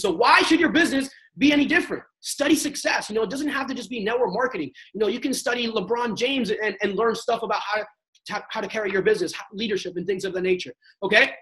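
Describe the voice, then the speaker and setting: The audio is poor as a young man with a high-pitched, slightly bright voice speaks on a sales panel. A network marketing panelist, he coaches emphatically through a casual, slangy motivational training talk and acts out sample chats.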